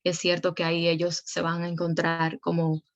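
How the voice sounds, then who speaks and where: A woman's voice: on the low side, completely flat delivery, moderate pace, no room sound. Woman in her twenties, educator. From Dominican Republic. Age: 20s. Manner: conversational, frequent "eh" fillers, acts out parents and teens. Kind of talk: educational talk. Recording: dull lo-fi dry sound.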